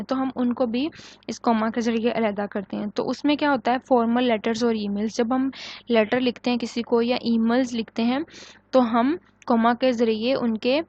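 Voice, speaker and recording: Higher-pitched woman lecturing on grammar. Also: darkish tone, dry recording, lo-fi sound. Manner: explains in Urdu-flavored Hindi, reading English example sentences slowly; asks the class questions and answers them herself. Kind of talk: recorded online lecture.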